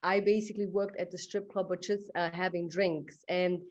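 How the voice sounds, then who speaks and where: A woman's voice: fairly low pitch, normal speed, lo-fi sound. Woman telling her story. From Switzerland. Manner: relaxed, many fillers like "like" and "um". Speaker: podcast guest. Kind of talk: casual interview storytelling.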